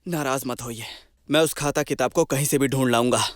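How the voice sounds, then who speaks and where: A man's voice: mid-range voice, fairly even intonation, fairly quick, a little hiss or hum, close to an everyday voice. A man dubbing a demanding government envoy who speaks curtly and officiously. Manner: curt, officious. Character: male government envoy, self-important and demanding. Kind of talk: Hindi film dubbing.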